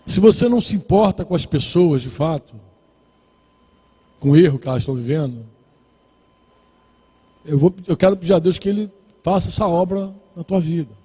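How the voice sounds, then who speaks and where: A male pastor delivers a sermon with a high voice, pressing his points home through repetition. The tone is dark and a little husky. The sound carries a long reverb from a church hall. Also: normal speed, pauses often. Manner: exhorting, repetitive, acts out dialogues.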